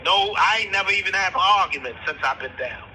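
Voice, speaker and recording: A man on a prison phone call, talking calmly and firmly in street slang. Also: high voice, fast talker, crowd noise. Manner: calm, firm denials, street slang. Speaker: inmate caller. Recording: phone call with faint noise.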